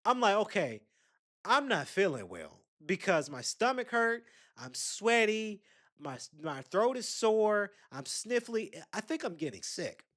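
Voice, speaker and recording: Telling a casual, rambling story on his podcast, a young man addresses his listeners directly and adds asides. His high voice swings widely in pitch, his pace is measured, and the sound is a bit bright.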